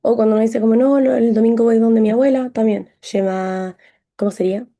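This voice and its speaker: A woman's voice: fairly high pitch, fairly even intonation, a little fast, mellow. A woman with a Chilean accent teaching a French lesson, encouraging and full of examples. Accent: Chilean Spanish. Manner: encouraging, explains with lots of examples.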